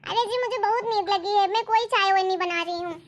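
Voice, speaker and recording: A woman playing a selfish young daughter-in-law who talks fast and complains sharply. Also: extremely high pitch. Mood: complaining. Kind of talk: family drama acting.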